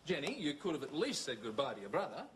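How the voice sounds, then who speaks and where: A wry, teasing sitcom dad. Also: male voice, fairly high pitch, big pitch swings, fast talker. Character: joking, fussing suburban dad. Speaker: father. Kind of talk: sitcom acting. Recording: sitcom audio with laugh track and hiss.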